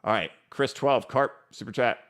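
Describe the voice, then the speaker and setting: On a studio mic, a crypto livestream host with a mid-range, slightly bright voice reads out viewers' super chats at a moderate pace. He replies casually and rambles, restarting his sentences often.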